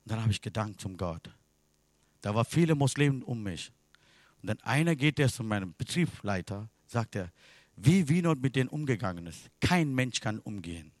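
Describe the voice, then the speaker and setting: A man preaching a sermon in non-native German with grammar slips, swinging from loud, impassioned passages to hushed ones. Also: fairly low pitch, very animated, normal speed, no echo. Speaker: pastor. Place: church service.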